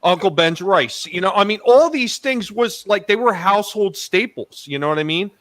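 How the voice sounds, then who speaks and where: A man's voice: sits high, expressive, moderate pace, a bit bright, no echo. A man in casual group chat, ranting in a combative, profane way. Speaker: podcast panelist.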